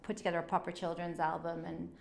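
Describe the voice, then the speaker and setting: A woman's voice: lowish voice, monotone, fast talker, gravelly. A woman who teaches children drama, chatting casually and enthusiastically as an interview guest. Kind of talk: casual chat.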